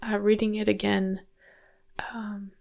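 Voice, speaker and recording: Slow, soft-spoken woman with vocal fry. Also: mid-range voice, little pitch movement. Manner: halting, hesitant, with many fillers. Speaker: host. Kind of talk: reflective personal vlog.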